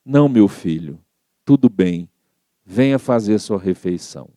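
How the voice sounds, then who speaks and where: A man voicing a gentle, patient mother calming her grown son. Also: fairly low pitch, a little slow, no echo, clean studio sound, pitched below the performer's own voice. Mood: calm soothing. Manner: soft, calm and soothing.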